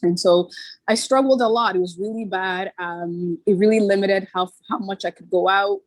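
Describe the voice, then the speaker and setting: Speaking in a mid-range voice, this woman guests on a podcast and shares her path as a brand founder, a Ghana-born Torontonian. She comes across as candid and earnest, quick to laugh. There is no room sound, and the audio quality is poor.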